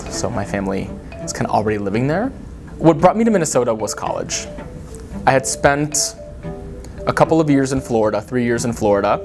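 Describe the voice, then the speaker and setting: Earnest man over guitar music. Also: fairly low pitch. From Dominican Republic. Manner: earnest, thoughtful, speaks in short halting phrases. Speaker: community advocate. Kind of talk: reflective interview answers. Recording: guitar music playing underneath. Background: soft guitar music.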